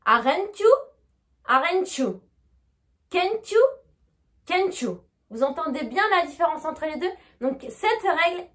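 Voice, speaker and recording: A woman teaching English pronunciation in an online lesson, patiently repeating each example twice and checking in with "d'accord?". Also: sits high.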